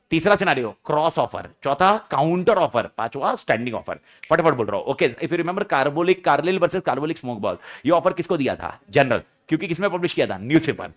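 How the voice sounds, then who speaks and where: Male teacher, revision lecture, lively pitch, fairly high voice. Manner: animated, quizzes students and answers his own questions; acts out quoted speakers in example scenarios. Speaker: law teacher.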